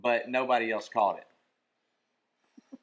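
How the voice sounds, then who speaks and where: A man's voice: medium pitch, steady tone, slow, a bit bright. Easygoing man posing listener questions. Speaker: podcast host reading listener questions. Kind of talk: casual chat.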